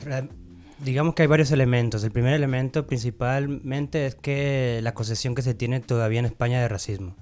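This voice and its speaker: A man, a guest on a radio interview, explaining his points in a measured way. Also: medium pitch, fairly even intonation, darkish tone. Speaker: guest researcher.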